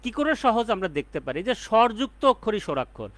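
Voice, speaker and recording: A man giving a methodical class lecture, going over each point slowly and repeating it for emphasis. His voice sits high and swings widely in pitch. The sound is close and dry, with no room echo. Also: sing-song, a bit bright. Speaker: poetry instructor.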